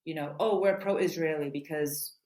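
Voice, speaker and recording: A woman author answering interview questions in an earnest, quick way, often saying "you know". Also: low-pitched, darkish tone. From United States. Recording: roomy echo.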